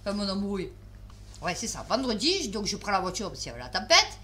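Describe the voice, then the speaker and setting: A woman's voice: mid-range voice, big pitch swings, fast, bright, forceful tone, a little hiss or hum. A tired woman vlogger telling a story to camera in a casual, chatty way, swearing and filling with restarts.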